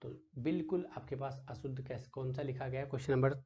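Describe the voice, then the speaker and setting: A male teacher with a dark, medium-pitched voice moves at a quick pace through an exam-prep lesson, quizzing students he calls "बेटा". He explains patiently, keeps saying "ठीक है", and checks back with rhetorical questions.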